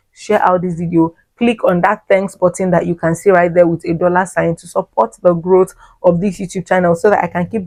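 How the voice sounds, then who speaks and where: A woman's voice: lowish voice, darkish tone, no echo. A woman reviewing skincare products in a chatty vlog style. She often tags her sentences with "okay" and "right?". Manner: addresses viewers fondly as "my loves". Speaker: beauty vlogger.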